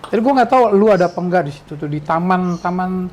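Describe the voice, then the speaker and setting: A man in his sixties from Indonesia hosts a casual podcast chat. He reminisces in a high voice, rambling and restarting, with a faint hiss behind him. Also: expressive, fast, a little mellow. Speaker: podcast host.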